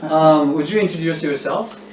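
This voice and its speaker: A man's voice: a little high, normal speed, slight background noise. A man hosting a casual interview, asking questions hesitantly and with many fillers. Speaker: interviewer and channel host. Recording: echoey room, mic at a distance.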